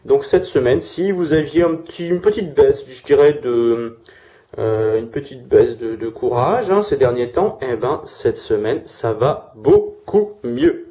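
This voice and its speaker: A tarot reader does a casual weekly reading, his medium-pitched voice warm and unhurried despite a sore throat. He hesitates a lot, with many fillers and restarts.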